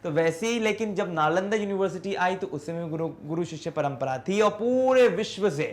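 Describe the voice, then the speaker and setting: A man teaching an English lesson with an Indian accent, explaining patiently, asking and answering his own questions, and reading the English text slowly. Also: sits high, animated.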